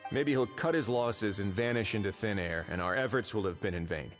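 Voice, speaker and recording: A man's voice: lowish voice, fairly quick, faint music behind, natural voice. An actor voicing a composed, authoritative male investigator in a video game.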